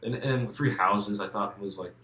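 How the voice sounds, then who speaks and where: Bright-voiced stammering man, echoey room. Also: on the low side, normal speed. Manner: stammering restarts, emphatic, swears freely. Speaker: guest. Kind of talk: casual game discussion.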